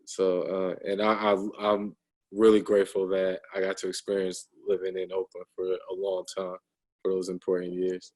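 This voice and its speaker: A man in his thirties speaks over a video call in a low, even voice that barely rises or falls. He talks casually as a guest. He pauses often, with frequent ums and restarts. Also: low-quality recording. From United States. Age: 30s. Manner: hesitant, many ums and restarts.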